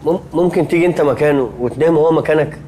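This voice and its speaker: An actor playing a fussy, anxious young man in a TV comedy, speaking with an Egyptian accent and quick to protest. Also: on the high side, warm tone, a little hiss or hum, close to an everyday voice. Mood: jittery. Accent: Egyptian Arabic. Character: jittery, fussy young man sharing a hotel room. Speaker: sitcom character. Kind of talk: TV comedy acting.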